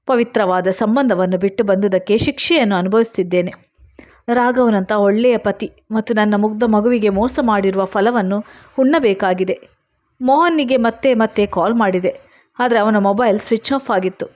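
A woman narrating a first-person dramatic story in a steady, expressive reading voice. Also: mid-range voice.

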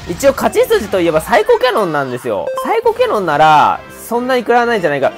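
A man giving excited, shouty commentary on a video game he is playing. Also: sits high, racing. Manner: loud excitable outbursts and yelps. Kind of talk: excited let's-play commentary. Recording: faint background music.

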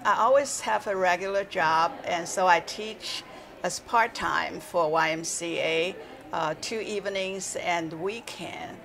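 A woman in her sixties, an exercise instructor born in China and raised in Taiwan, speaks slowly and haltingly in a gravelly, lowish voice with a fairly bright tone. Seated in an armchair in an indoor library room for a casual interview, she uses frequent "uh" fillers and simple grammar.

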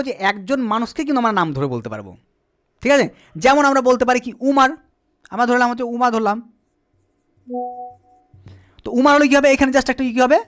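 A man's voice: extremely high pitch, a bit bright. A man teaching beginner spoken English at a board. His first language is Bengali. He keeps asking the class questions, answers them himself and spells words out letter by letter.

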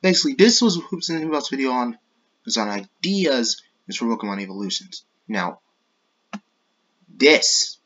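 Very animated and a bit bright in tone, a medium-pitched man talks at normal speed as host of his own YouTube gaming channel. His casual chatter rambles, and he keeps interrupting himself to apologize and head in a new direction.

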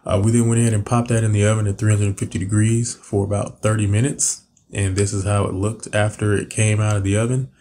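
Relaxed man, low mellow voice. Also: a little fast, hardly any pauses, slight background noise. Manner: relaxed, many "uh" and "um" fillers. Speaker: cooking channel host. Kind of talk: casual recipe voice-over. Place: home kitchen.

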